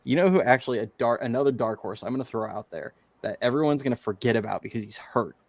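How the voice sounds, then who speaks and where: A man co-hosting a sports podcast in casual chat, quick with jokes and laughter. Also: mid-range voice, animated, no echo. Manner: laughs often, quick joking asides. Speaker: podcast co-host.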